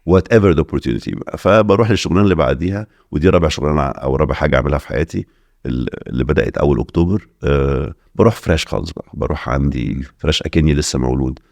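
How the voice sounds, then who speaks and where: Very deep, fast-talking Egyptian man. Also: creaky, darkish tone, dry recording, clean studio sound. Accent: Egyptian Arabic. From Alexandria, Egypt. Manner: rapid talk mixing in English phrases. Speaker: investor guest. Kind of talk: casual podcast interview.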